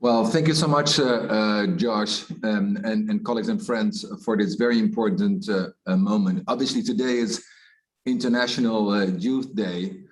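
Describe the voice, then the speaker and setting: A man, the head of an organization, giving keynote remarks over a video call, halting with many uh fillers. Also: fairly low pitch. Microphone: video call microphone.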